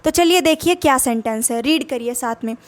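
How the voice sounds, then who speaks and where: High-voiced woman teaching vocabulary. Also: brisk. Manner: patient, repeats and rephrases for learners. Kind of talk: explaining vocabulary in Hindi with English examples.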